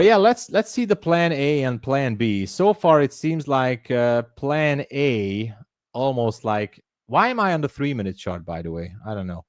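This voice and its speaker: A man's voice: medium pitch, no room sound, studio quality. A man from Hungary with a Hungarian accent, hosting a casual trading livestream, chatty and upbeat as he greets chat. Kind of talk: casual live-stream chat.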